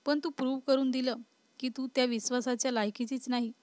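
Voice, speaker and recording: A woman's voice: high voice, little pitch movement, a little fast, a little mellow, no echo, close to an everyday voice. A woman voicing a short-tempered, protective young husband in a storybook reading, in a scolding, exasperated manner. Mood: angry.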